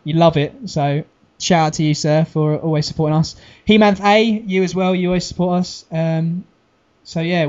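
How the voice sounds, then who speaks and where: Laughing podcast host, lo-fi. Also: male voice, a little high, a little mellow. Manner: laughs a lot, crude banter. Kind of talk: casual chat. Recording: dull lo-fi podcast recording.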